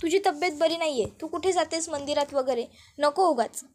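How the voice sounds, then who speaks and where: A woman voicing a protective older husband who scolds gently. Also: high voice, a little fast, lightly acted. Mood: concerned.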